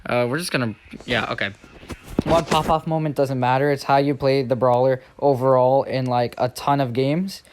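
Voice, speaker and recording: A man's voice: mid-range voice, steady tone, moderate pace, darkish tone, slight background noise. A man giving casual, chatty, self-deprecating listicle countdown commentary over video gameplay as the host.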